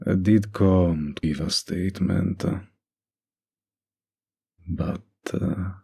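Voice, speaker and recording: Here the same mafia-boss ASMR character returns: deep, heavily raspy, fraying into gravel, delivering both teases and threats in a slow, commanding, flirtatious drawl. The intonation stays fairly even and the tone mellow, though the performance is heavily acted, with a teasing, seductive mood.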